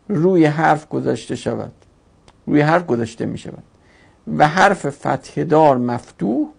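A teacher giving a grammar lesson, asking questions and answering them, repeating key terms slowly. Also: mid-range voice, creaky, slightly rough.

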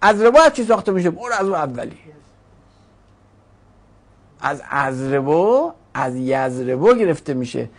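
Woman teacher going through grammar, lively up-and-down voice, makes the word forms talk like little characters. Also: deep voice, pauses often, husky. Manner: poses questions to the class and answers them. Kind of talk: grammar lesson.

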